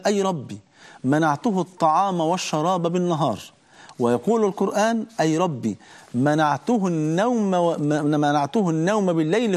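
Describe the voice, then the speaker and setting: A man's voice: fairly high pitch, darkish tone. A man with an Egyptian Arabic accent preaching a sermon, emphatic and full of rhetorical questions to his listeners.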